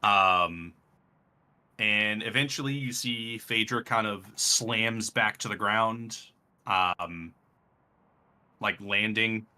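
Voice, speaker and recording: A man narrating a tabletop role-playing game as game master, unhurried and full of fillers. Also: lowish voice, pushed and bright.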